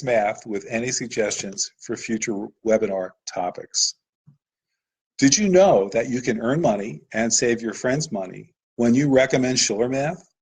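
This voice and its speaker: A man's voice: mid-range voice, darkish tone, husky, low-quality recording. A man presenting a live webinar lesson over slides, explaining patiently with occasional "uh"s.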